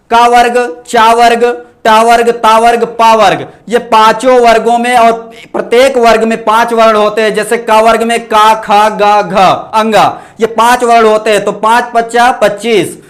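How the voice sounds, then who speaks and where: A man teaching an online Sanskrit lesson, sounding out letters one by one and asking and answering his own questions. He also reads viewers' comments aloud and thanks them. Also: extremely high pitch. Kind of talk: online exam-prep lesson.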